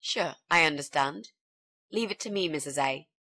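A woman's voice: sits low, expressive, normal speed, pushed and bright, exaggerated voice. An actress voicing a bold, chatty young female student in a video game, speaking in a breezy, confident way. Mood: reassuring. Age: young adult.

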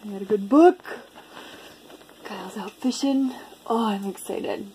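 A chatty woman in her thirties films herself on a sailboat with a handheld camera held at arm's length. She talks in a mid-range voice and laughs easily. Wind and water noise sit clearly under her voice. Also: medium pitch, unhurried, dark tone, rough recording. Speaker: sailing vlogger. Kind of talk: casual vlog narration. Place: on a sailboat on a foggy lake and in the cabin. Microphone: handheld action camera at arm's length.

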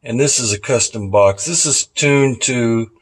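Speaking unhurriedly at a medium pitch, a middle-aged man thinks out loud while installing and reviewing car audio for his casual vlog. He moves between a garage, a car, and the inside of a house, and the sound carries a roomy echo.

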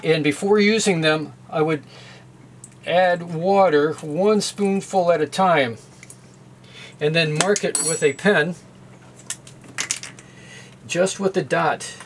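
This middle-aged man, hosting a sailing how-to video, takes his time with long pauses as he demonstrates at a boat's galley sink. His pitch is fairly high, and his explanations are plain and methodical with occasional fillers. Some slight background noise can be heard.

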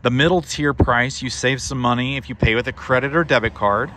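Man, 30s, equipment dealer, casual sales pitch to a phone camera at arm's length, plainspoken and chatty with fillers, outdoors with faint traffic behind. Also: fairly quick, a bit bright. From Missouri, USA. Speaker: equipment dealer presenting a product. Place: outdoors in a sunny equipment lot by a road. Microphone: phone camera held at arm's length.

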